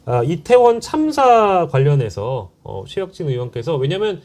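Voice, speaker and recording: Chatty male host with a lively voice. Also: fairly high pitch, moderate pace. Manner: chatty, laughs along, hedging fillers. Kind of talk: casual chat.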